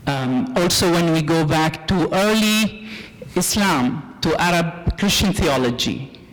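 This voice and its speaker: A man's voice: fairly high pitch, animated, slow pace, a bit bright, in a large hall, rough recording. A man from Syria, a native Arabic speaker and theology professor, asking a polite, earnest question from the audience at a lecture. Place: lecture hall.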